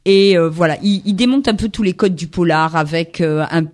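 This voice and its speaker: A radio host leading a lively book chat, who often finishes the guest's sentences. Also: mid-range voice, normal speed.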